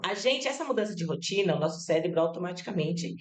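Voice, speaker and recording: A woman with a somewhat low voice leads a casual interview, addressing listeners directly. She talks in a chatty, explanatory way and keeps checking in with little tag questions. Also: animated, quick pace. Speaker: podcast host. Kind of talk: conversational interview.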